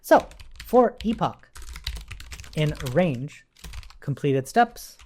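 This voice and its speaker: A programming instructor gives an informal live-coding tutorial indoors at a computer, thinking aloud as he types and often asking "right?". His medium-pitched voice is very slow and a little mellow, swinging widely in pitch, with a slight hiss or hum and keyboard typing behind.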